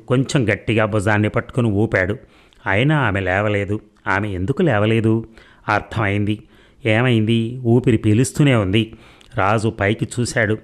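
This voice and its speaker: A man narrating a detective serial story, reading steadily with quiet suspense. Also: fairly low pitch.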